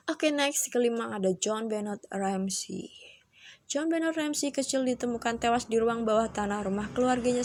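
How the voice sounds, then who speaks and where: High-voiced woman narrating, dry close sound. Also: darkish tone, no echo. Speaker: host of a true-crime countdown channel. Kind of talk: scripted narration of mystery list.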